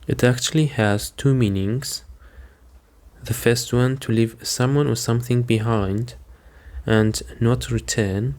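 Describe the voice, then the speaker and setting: A man teaching English vocabulary in a slow, deliberate lesson, repeating each word and giving examples. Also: mid-range voice, darkish tone.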